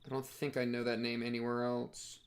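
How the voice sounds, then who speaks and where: Speaking briskly and in a monotone, this young streamer reads lines from a visual novel and adds loose, slang-filled remarks as he plays. His voice sits in the mid range.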